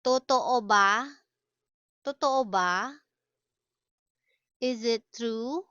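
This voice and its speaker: A woman from the Philippines teaching a language, saying each short phrase twice in a slow drill and then giving its English meaning. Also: a little high, bright, forceful tone, smooth, dry recording, muffled recording.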